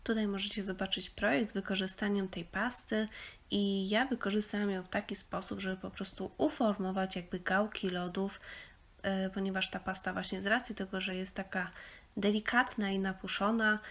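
A young Polish woman narrates a craft tutorial in a relaxed, explanatory voice-over, casual and instructional. Her voice sits in the middle range, and she often pauses on small fillers while thinking.

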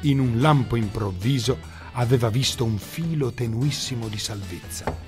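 A man reading a children's story aloud in a lively, theatrical storytelling manner. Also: medium pitch, normal speed. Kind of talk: scripted story narration. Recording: music bed under narration.

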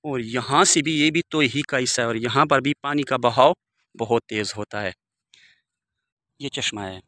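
Dry recording of a man in his forties with a mid-range, sharp-toned voice at normal speed. He holds his phone camera while walking open riverbed countryside, narrating a village vlog tour in a formal, devout manner full of Arabic blessings.

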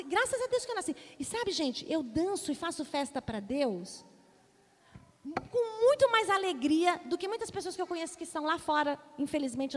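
Brazilian woman pastor preaching in a reverberant hall. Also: high-pitched. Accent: Brazilian Portuguese. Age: 40s. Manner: animated storytelling, addresses congregation directly. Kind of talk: sermon with personal story. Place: church hall.

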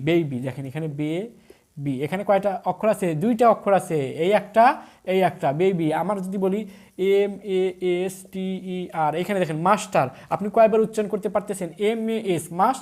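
A patient grammar tutor, talking at an even middle pitch through a recorded video lesson. The teacher sounds out each word letter by letter, says the key point twice and keeps quizzing the viewers.

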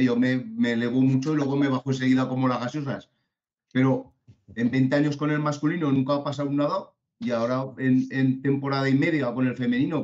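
A man on a sports panel recounting fan experiences in an animated, self-deprecating way. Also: mid-range voice. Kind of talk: casual sports talk show. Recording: dull lo-fi video call audio.

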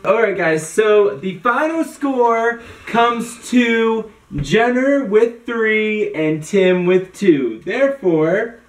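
A man's voice: sits high, takes it slowly. Giggly young man hosting a vlog. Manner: giggly, animated, teasing. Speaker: YouTube host. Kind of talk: casual vlog banter. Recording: roomy sound from a distant camera mic.

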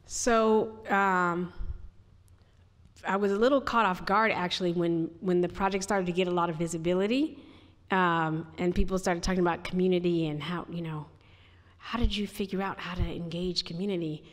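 Speaking at a moderate pace in a fairly low, evenly intoned voice, a Chicago-accented woman from the United States fields questions after her talk as a visiting artist and architect. She uses a podium microphone in a large auditorium whose hall reverb is audible. Her answers are thoughtful, with frequent restarts, self-corrections and "like".

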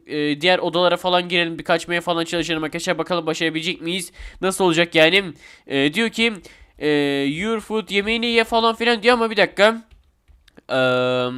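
A young man commentating a Roblox game with excitable, chatty talk to his viewers, a bit sick. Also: high-pitched. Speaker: gaming YouTuber.

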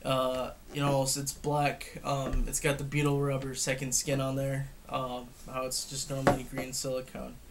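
A man's voice: medium pitch, completely flat delivery, normal speed, hardly any pauses. A young man giving a casual, unscripted gear review at home, hesitant and matter-of-fact, picked up by a camera across a table. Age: young adult. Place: room at home, indoors. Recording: clearly noisy home recording with clicks.

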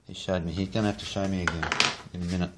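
Speaking very fast in a low voice with fairly even intonation, an Australian hobbyist rod builder rambles through a casual how-to video in his home kitchen. He jokes and swears freely while showing his work, and the recording is very noisy.

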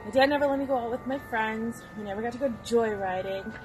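A sassy, rebellious young woman who fled her strict preacher father for the carnival, played by a woman. Her voice sits a little high and she talks with mocking attitude. Clear music with chimes and glockenspiel plays behind her. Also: quick pace, natural voice, low-quality recording.

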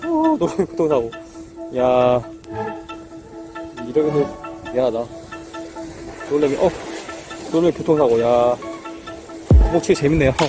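A man's voice: mid-range voice, sing-song, a little slow, long pauses. A man hosting his own fishing vlog outdoors by the sea, exclaiming and repeating words as he reels in fish. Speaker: fishing channel host. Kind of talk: excited fishing vlog commentary. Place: seaside harbor outdoors. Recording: loud background music.

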